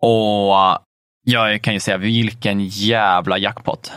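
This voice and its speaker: A man's voice: lowish voice, level tone, fairly bright tone, smooth, no room sound, clean studio sound. A man co-hosting a podcast, rambling in casual chat about video games with many fillers and some swearing. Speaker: podcast co-host.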